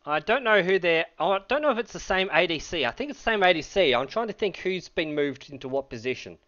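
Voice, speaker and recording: A man's voice: sits high, expressive, fast, fairly bright tone, lo-fi sound. A man co-commentating a game, thoughtful and analytical, hedging his reads. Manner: thoughtful, analytical, hedges with "I reckon". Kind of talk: casual co-commentary.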